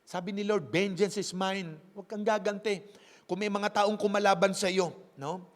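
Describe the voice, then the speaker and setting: A man's voice: high-pitched, fairly even intonation, normal speed, in a large hall. A man with a Filipino accent preaching a sermon as pastor, switching between Tagalog and English and tagging phrases with a questioning "no?". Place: church.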